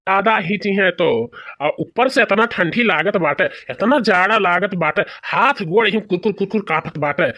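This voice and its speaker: A man's voice: high-pitched, normal speed, sharp tone, dry recording. A man voicing a thin, complaining old village husband in a cartoon, with a whiny, grumbling manner. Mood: whining. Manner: whiny and grumbling, with rustic dialect. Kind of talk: cartoon voice acting.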